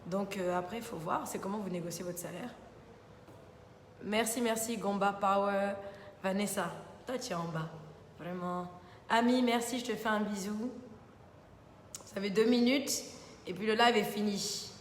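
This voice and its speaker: Reading out viewer comments in a relaxed live Q&A, this young adult woman, a TV columnist, keeps filling the gaps with the same small interjections. She speaks at medium pitch and normal speed, leaving long pauses. There's a roomy studio reverb and a faint hum of background noise.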